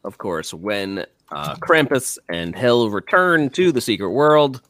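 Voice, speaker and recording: A man hosting a casual game podcast, upbeat and quick to laugh. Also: mid-range voice, no echo, clean studio sound. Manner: lively, giggly, upbeat. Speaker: podcast host. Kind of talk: casual chat.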